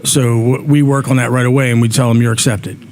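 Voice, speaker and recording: A man's voice: medium pitch, level tone, quick pace, a little mellow. A man interviewed as a guest on a talk show, talking earnestly about community aid, often repeating words as he thinks aloud. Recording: faint background noise.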